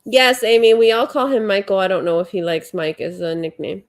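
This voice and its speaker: Her medium-pitched voice is brisk, with fairly even intonation. A congested, sniffling host in her forties, she chats casually on a home livestream, reads out viewer comments, and rambles with frequent filler words.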